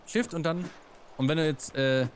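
A man's voice: fairly high pitch, moderate pace, a little hiss or hum. A man playing a co-op video game with a friend, joking playfully and tripping over his words. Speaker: let's play gamer. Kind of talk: casual co-op gaming chat.

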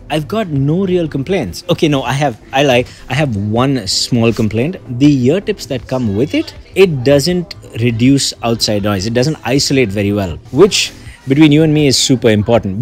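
A man's voice: mid-range voice, a little mellow. A man reviewing earbuds in a casual, chatty way, with joking self-deprecating asides. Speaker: tech reviewer.

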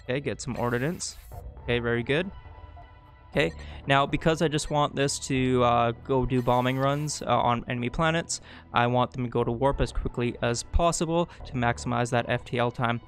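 A man's voice: medium pitch, steady tone, normal speed, soft background music. A man giving a casual, rambling tutorial while playing a strategy game, often correcting himself mid-sentence. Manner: rambling, self-correcting, chatty asides. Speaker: gameplay guide host. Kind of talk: casual gameplay tutorial commentary.

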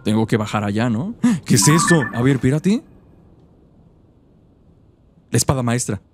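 Mexican guy live streaming a video game, mid pitch, jokey slang, faint music under him. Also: lively intonation, measured pace. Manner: joking, slangy. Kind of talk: casual live game commentary. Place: indoor streaming room.

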